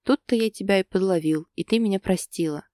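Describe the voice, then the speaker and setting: A woman voicing a calm, teasing man who soothes his partner in a gentle, soothing way. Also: mid-range voice, brisk, dry recording, clean studio sound, close to an everyday voice.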